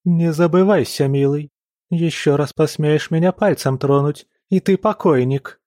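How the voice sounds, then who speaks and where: A man reading an audiobook, voicing a cold, domineering young noblewoman who speaks quietly and with menace. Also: a little high, measured pace, no echo, clean studio sound, pitched above the performer's own voice, close to an everyday voice. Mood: commanding, threatening. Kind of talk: audiobook character voice.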